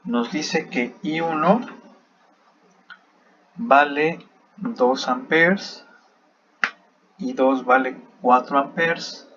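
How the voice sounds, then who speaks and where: Slow-talking man teaching math. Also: medium pitch, fairly bright tone. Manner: slow, thinking aloud while checking work. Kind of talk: screen-recorded math lesson. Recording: slightly dull sound with faint background noise.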